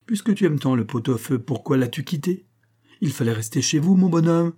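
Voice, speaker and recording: A man's voice: on the high side, animated, fairly quick, warm tone, husky, pitched above the performer's own voice. A man voicing a bitter, heartbroken young woman who mocks and reproaches her lover in a raised voice. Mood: angry, anguished. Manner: mocking, reproachful, rising to cries.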